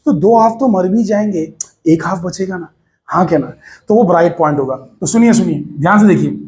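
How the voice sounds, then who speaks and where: High-voiced man teaching a physics class. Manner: lively, coaxing, addresses students as beta, mixes English phrases.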